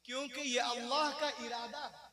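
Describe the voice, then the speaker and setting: A man from India giving a religious sermon to a large gathering. He recites Arabic verses slowly and then explains them. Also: very high voice, steady tone, sharp tone. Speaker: religious speaker. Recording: echoey sound with crowd.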